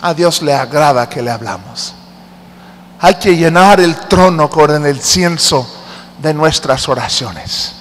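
A man's voice: on the high side, expressive, takes it slowly, fairly bright tone, long reverb tail. A man preaching a sermon as an evangelist, emphatic, rising to fervent appeals.

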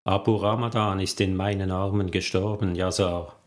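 A man's voice: low-pitched, steady tone, normal speed, close to an everyday voice. A man voicing a tough, determined female police detective in an audiobook. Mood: somber.

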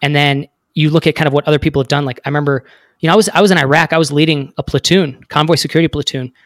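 A man's voice: on the high side, steady tone, very fast, no room sound, studio quality. A man in his thirties telling his story as a podcast guest, rambling with many fillers. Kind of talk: casual interview talk.

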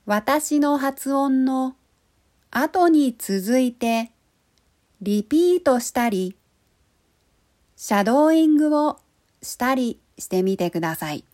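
A woman Japanese language coach hosting a podcast, speaking each phrase slowly and clearly for listeners to repeat. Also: sits high, animated, darkish tone. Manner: clear, deliberate model pronunciation, repeating each phrase twice. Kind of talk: slow pronunciation lesson podcast.

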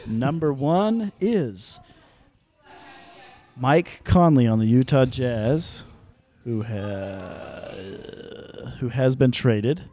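A man in the middle of his range hosts a relaxed sports podcast. He jokes around and often restarts his sentences. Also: medium pitch. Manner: loose, joking, trips over words. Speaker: podcast host. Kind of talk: casual sports podcast chat.

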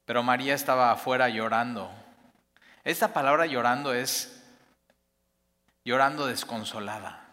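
A man preaching a sermon, expressive, building to emphatic peaks and then dropping soft. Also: mid-range voice, moderate pace, pauses often, in a large hall. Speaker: pastor.

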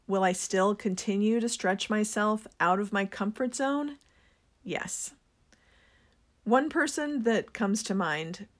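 A woman speaking slowly and with care, in an unhurried, earnest tone. She runs a small business and talks openly about sharing what she makes. Her pitch sits in a middle range. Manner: slow, gentle and earnest; introverted. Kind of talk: reflective personal talk.

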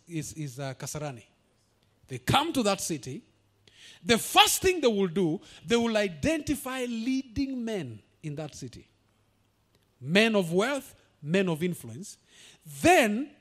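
High-voiced pastor preaching emphatically. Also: male voice. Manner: emphatic preaching, rising to shouts, drops into Swahili asides. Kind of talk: sermon.

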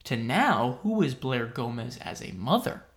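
A man's voice: medium pitch, sing-song, measured pace. A man hosting a podcast, asking probing questions in a friendly, easy manner. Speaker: podcast host. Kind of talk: interviewing.

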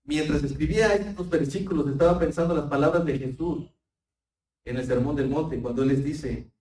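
A man's voice: on the high side, normal speed, mellow. A man preaching a fervent sermon, often repeating words and calling the congregation brethren. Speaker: pastor. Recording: roomy sound, voice far from the mic.

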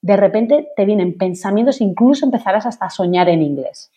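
Mellow-voiced woman giving tips. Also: mid-range voice, animated, brisk, a little hiss or hum. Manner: enthusiastic, emphatic advice. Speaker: podcast guest, English teacher. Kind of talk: conversational podcast interview.

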